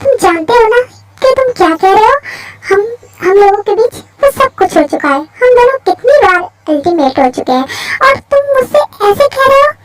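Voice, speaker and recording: A woman voicing a whiny, clingy, scheming young woman who pleads in a high voice. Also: very animated, normal speed. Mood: pleading. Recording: faint music behind.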